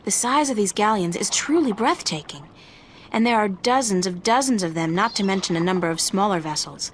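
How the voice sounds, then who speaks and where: A woman's voice: mid-range voice, lively intonation, brisk, slight background noise, lightly acted. An actress playing an inquisitive young woman adventurer who keeps asking naive questions. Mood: curious. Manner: asks endless naive questions.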